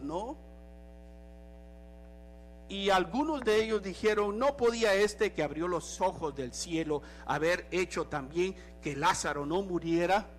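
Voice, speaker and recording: A male pastor preaching a sermon in an animated way, slipping in English phrases now and then. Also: high-pitched, a little hiss or hum.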